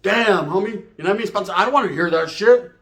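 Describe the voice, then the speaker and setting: A middle-aged man informally tells a comedic story, profane and boastful, wandering off track and checking in with tag questions. His voice is high-pitched, fast, and a bit bright.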